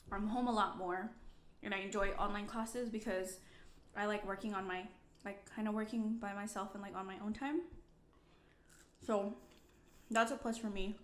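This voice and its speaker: A young woman talks casually to camera like a student sharing updates with her viewers. Her delivery is informal and loosely rambling, with plenty of "like" thrown in. The room around her gives the voice a clear echo. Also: medium pitch, a bit bright. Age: 20s. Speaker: nursing student vlogger. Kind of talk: casual chatty vlog to camera. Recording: echoey room.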